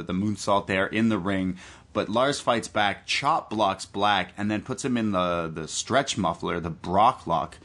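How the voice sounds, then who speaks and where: A man's voice: lowish voice, fairly bright tone. A man hosting a podcast, giving a casual, enthusiastic fan's recap of a wrestling match. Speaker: podcast host.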